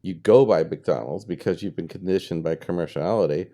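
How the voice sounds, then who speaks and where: A man with a very deep, dark voice, speaking as a guest on the podcast. He explains things in a plain, matter-of-fact manner, without flourish. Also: fairly quick. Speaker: guest, spiritual healer. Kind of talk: conversational interview.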